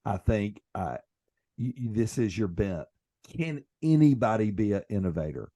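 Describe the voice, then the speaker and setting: Low-voiced man hosting a podcast. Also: animated, normal speed, warm tone. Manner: affirming, eager questions. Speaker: podcast host. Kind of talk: podcast interview.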